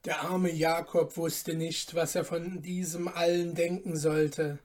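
A woman reading a fairy tale aloud in a calm, measured storytelling manner. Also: lowish voice. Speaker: narrator.

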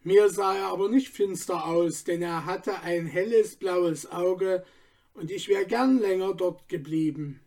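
Male storybook narrator, high voice, slow, calm. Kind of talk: storybook reading.

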